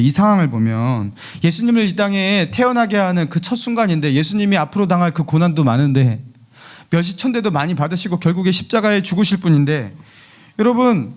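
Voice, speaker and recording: A male pastor preaches a sermon in a lively storytelling manner. He keeps asking the congregation rhetorical questions. His voice sits notably high for a man.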